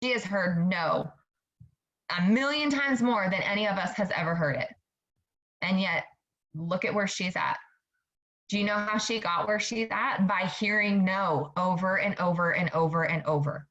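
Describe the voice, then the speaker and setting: A woman's voice: mid-range voice, moderate pace, a bit bright, highs cut off. A woman in her thirties giving a motivational talk to her sales team, chatty and upbeat, often turning to her listeners directly. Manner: chatty, upbeat, keeps saying "you guys". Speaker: network marketing team leader.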